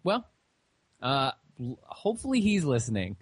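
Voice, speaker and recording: A young man co-hosting a casual podcast chat, talking in a halting way with lots of fillers and restarts. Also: medium pitch, big pitch swings, slightly rough, no echo. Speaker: podcast co-host.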